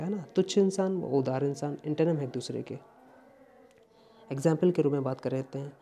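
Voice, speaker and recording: A man's voice: fairly high pitch, mellow. A man teaching vocabulary, explaining patiently and repeating each word to drill its pronunciation.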